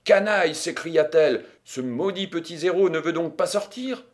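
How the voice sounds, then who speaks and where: A man voicing a stubborn, excitable old grandmother at a gambling table in an audiobook reading, with a shrill, scolding, insistent manner. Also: normal speed, close to an everyday voice. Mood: indignant.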